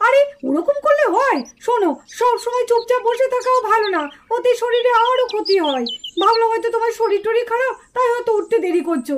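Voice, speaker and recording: A woman's voice: very high voice, animated, brisk, few pauses, slight background noise. Woman doing a stubborn old mother-in-law. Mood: chiding. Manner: scolding, a little plaintive. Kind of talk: puppet show voice acting.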